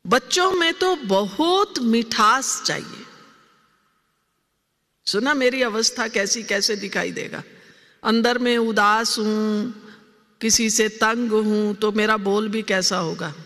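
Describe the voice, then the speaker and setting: A spiritual teacher with a somewhat high, slightly bright voice speaks slowly to a congregation. She poses questions to the audience and then answers them herself. The hall has long reverb.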